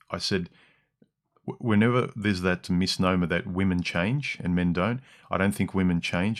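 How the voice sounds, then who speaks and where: This Australian man runs a laid-back livestream, going over viewer comments into a dynamic broadcast microphone. He has a deep voice with some harshness in the mids and lows, and his delivery meanders, peppered with ums and restarts.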